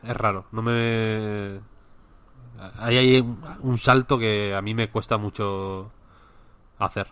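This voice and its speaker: Low-voiced Spanish man rambling in chat. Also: fairly even intonation, takes it slowly, a bit bright, clean tone. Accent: Spain. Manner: rambling, with frequent restarts. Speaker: podcast co-host. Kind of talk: casual chat.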